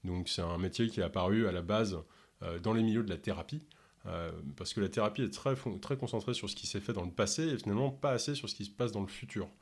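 Man, very low voice, from Ontario, no accent, hesitant, interview answers. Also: fast talker, husky. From Canada, Ontario. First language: English. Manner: hesitant, many fillers. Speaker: podcast host and health coach.

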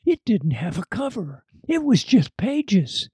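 A man telling a frontier tale aloud in a dramatic, lively storytelling manner. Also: sits high, slow, breathy edge, no echo. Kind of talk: told tall tale.

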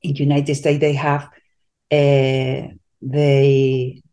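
A woman from Spain with a Spanish accent, a coach being interviewed, speaking haltingly and searching for English words with many restarts. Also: a bass voice, completely flat delivery, dark tone. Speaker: coach, guest. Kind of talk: casual interview talk.

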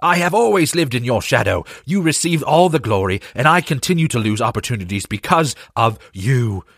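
Man voicing an enraged young knight, shouting, high strained voice, dry close sound. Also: very animated, fairly quick, no room sound. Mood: furious. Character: young male knight, furious, betrayed, vengeful.

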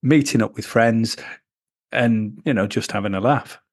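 A man with a Yorkshire accent co-hosting a casual podcast, rambling and joking with many pauses. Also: on the low side, dry recording. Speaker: podcast co-host. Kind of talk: casual chat.

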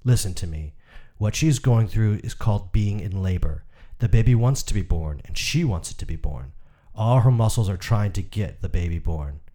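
A man voices a calm country doctor and father in an audiobook story. He explains things patiently and plainly. His voice is deep, dark and mellow. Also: normal speed. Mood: explaining. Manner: patient, explaining, matter-of-fact.

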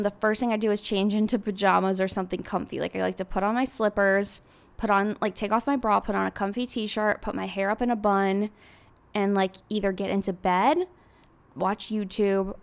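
A woman's voice: mid-range voice, creaky. A woman in her twenties telling personal stories in a casual confessional vlog, chatty and rambling, with lots of filler words. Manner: chatty, heavy use of "like", rambling. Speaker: vlogger.

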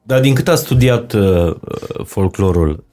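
A man's voice: lowish voice, animated, mellow. A man hosting a podcast interview, reflective and searching for words as he asks questions. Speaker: podcast host. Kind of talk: interview conversation.

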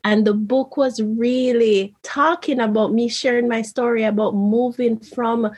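A woman's voice: a little high, fairly even intonation, measured pace, darkish tone, breathy edge. A woman from Jamaica, an interview guest and author, telling her story in an earnest, reflective way. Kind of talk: conversational interview.

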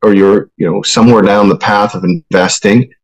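A man's voice: lowish voice, steady tone, normal speed, poor audio. A man co-hosting a podcast, talking casually in a friendly, earnest, slightly salesy way. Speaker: podcast co-host.

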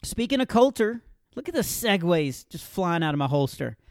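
A middle-aged man hosting a comedy podcast, telling stories in a lively, teasing way and laughing often. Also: high voice, normal speed, dry recording, clean studio sound. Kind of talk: casual comedic banter.

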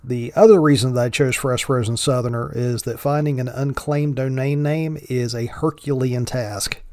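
A man's voice: medium pitch, fairly even intonation, moderate pace, a little mellow, no echo. A man with a thick Appalachian accent, hosting a solo podcast in a folksy way with wry, dry humor. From mountains of Virginia, United States. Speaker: podcast host.

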